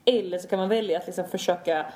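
A young woman chats casually, her voice mellow and warm. She tells an exasperated story expressively, quoting each person in turn. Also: lowish voice, slight background noise. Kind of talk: casual chat.

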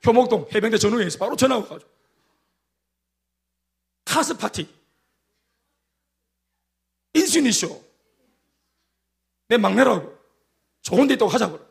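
Gravelly, high-voiced pastor with a Gyeongsang accent. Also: male voice, a little slow, long pauses. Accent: Gyeongsang dialect. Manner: animated storytelling with acted-out quotes. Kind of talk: sermon.

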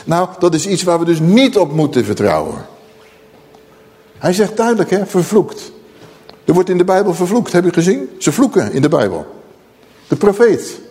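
Animated preacher man in a reverberant hall. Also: sits high. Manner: emphatic, slows down solemnly when reading scripture. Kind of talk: sermon with scripture reading.

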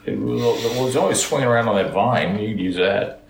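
A man's voice: on the low side, fairly quick, creaky. A man co-hosting a podcast in casual chat, chiming in playfully. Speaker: podcast co-host. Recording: echoey room with faint hiss.

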